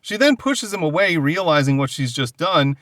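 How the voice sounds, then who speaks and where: A podcast host with a tense, forward tone and a somewhat high voice walks through a comic book issue in a casual recap. He talks conversationally and paraphrases the characters' lines. The sound is dry and close, with no room around it. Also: lively intonation, moderate pace, a bit bright, no room sound. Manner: conversational retelling, paraphrasing dialogue loosely.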